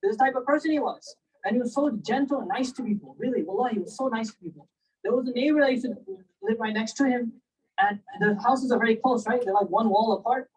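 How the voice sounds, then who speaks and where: Fast-talking husky man telling stories. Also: very high-pitched. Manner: animated, conversational, asks listeners "right?" and "you know?". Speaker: Islamic lecturer. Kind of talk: casual religious storytelling lecture. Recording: distant mic, poor sound quality.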